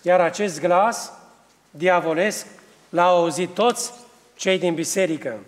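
A man's voice: high-pitched, long reverb tail. A man preaching, reading a saint's life aloud in a solemn manner with small restarts.

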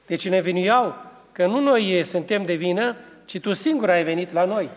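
A man's voice: high voice, big-room sound. A man preaching, reading a saint's life aloud in a solemn manner with small restarts.

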